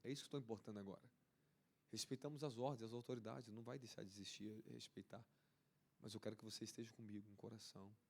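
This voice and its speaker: Man, Brazilian accent, charismatic preacher, fervent, repeats himself, climbs to excited highs. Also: fast talker. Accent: Brazilian Portuguese. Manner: fervent, repetitive, rising to excited peaks. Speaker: apostle preaching. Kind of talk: charismatic sermon.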